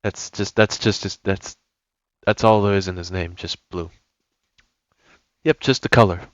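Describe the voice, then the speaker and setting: A young man talks through a music game in a loose, rambling way and often stops to correct himself. His voice sits a little low. The recording is dry and slightly dull. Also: fairly even intonation, measured pace, fairly bright tone, no room sound. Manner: rambling, self-correcting, enthusiastic. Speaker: gaming YouTuber. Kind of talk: casual gameplay commentary.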